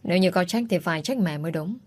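A woman's voice: on the low side, fast talker, close to an everyday voice. A woman doing a tender, protective middle-aged mother. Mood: pleading. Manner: pleading, emotional, soft-spoken.

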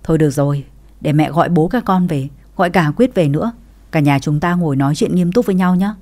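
A woman's voice: low voice, fast, darkish tone, natural voice. A woman voicing a defensive middle-aged stepmother in a read-aloud family story. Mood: firm.

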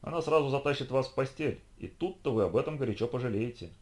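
A man voicing a vengeful male professor, gloating and shouting. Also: medium pitch, lively intonation, fast, natural voice. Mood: warning.

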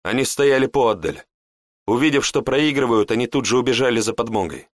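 A man's voice: medium pitch, brisk, no echo, clean studio sound, pitched above the performer's own voice, lightly acted. A man voicing a breathless young woman apprentice.

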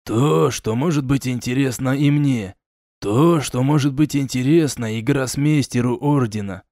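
A man reading the part of an experienced, guarded male warrior and earth mage, his lines slowed and set a little lower than the narration. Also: darkish tone, no room sound, studio quality, lightly acted. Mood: probing.

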